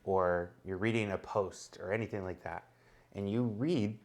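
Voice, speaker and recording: A man's voice: lowish voice, fairly even intonation, normal speed, darkish tone. A man co-hosting a casual chat, explaining ideas at length and thinking aloud with many fillers. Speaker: co-host.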